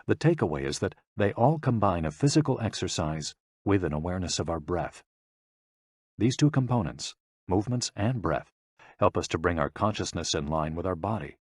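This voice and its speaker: A man narrating a nonfiction audiobook in a calm, measured reading of instructions and explanations. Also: low-pitched, no echo, clean studio sound.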